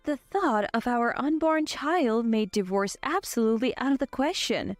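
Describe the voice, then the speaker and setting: A young woman in her twenties tells a first-person story in a scripted, even, steady way. Her voice is fairly high and close to the mic, with a dry sound and soft music playing behind her. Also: moderate pace, no echo. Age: 20s. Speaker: narrator.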